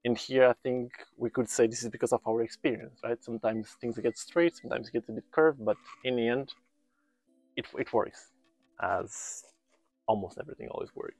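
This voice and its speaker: A man in his thirties, a volunteer builder whose first language is Portuguese, is interviewed outdoors on a countryside building site. His medium-pitched voice is creaky and a little mellow, at normal speed, and he hesitates, often restarting sentences as he searches for words. The recording is dry, made with a lapel mic.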